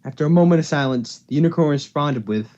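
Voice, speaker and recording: A fast-talking man with a slightly high, somewhat mellow voice reads fan fiction casually to a co-host, stumbling and restarting along the way. The audio is dull, from a noisy home voice call.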